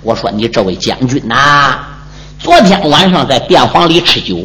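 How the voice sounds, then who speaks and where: A man's voice: mid-range voice, very animated, moderate pace, pushed and bright, voice pushed down, poor audio. A man voicing a sly, evasive old landlord who talks in a placating, wheedling way, in a traditional storytelling performance. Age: older. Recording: music playing behind.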